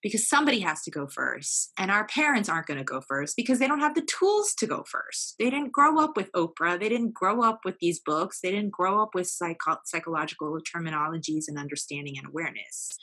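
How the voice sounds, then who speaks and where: Young woman guest on a podcast, bright clear tone, kinda lowish voice, reflective and earnest, lots of ums. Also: expressive, fairly quick, hardly any pauses. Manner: earnest, reflective, with many fillers and restarts. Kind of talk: candid personal storytelling.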